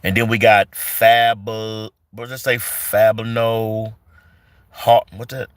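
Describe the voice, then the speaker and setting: On a casual live stream, a man in his forties reads viewers' comments aloud and greets them loosely and repetitively, with lots of fillers. His voice is lowish and clean, with a level tone and a slow pace, and the recording is dry.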